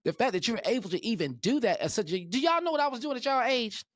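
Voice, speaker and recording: Animated talk show host, lively voice. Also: male voice, extremely high pitch, fast, no echo, clean studio sound. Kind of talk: casual interview chat.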